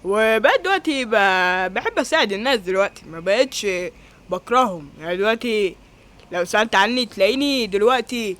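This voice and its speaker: A woman's voice: medium pitch, animated, a little fast, lightly acted. A woman playing a sheepish, mumbling thief. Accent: Egyptian Arabic. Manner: soft, hesitant mumbling. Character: sheepish thief claiming to reform.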